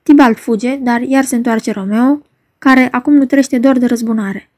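A woman gives a young man telling of a deadly brawl with pressing urgency. The tone is mellow and sits fairly high. It is a dramatic reading of a play. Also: steady tone, close to an everyday voice. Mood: recounting. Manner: urgent, pleading delivery. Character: young male friend, urgent peacemaker.

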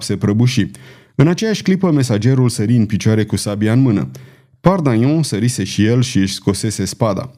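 A man narrating a historical adventure audiobook with steady storytelling. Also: medium pitch. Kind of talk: scripted narration.

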